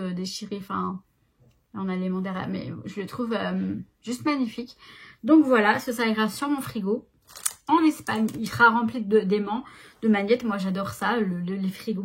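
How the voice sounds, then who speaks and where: Woman, very husky breathy voice, casual home vlog, chatty and rambling. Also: medium pitch. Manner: chatty and rambling, many restarts. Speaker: vlogger. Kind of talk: casual vlog chat to viewers. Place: at home by a desk.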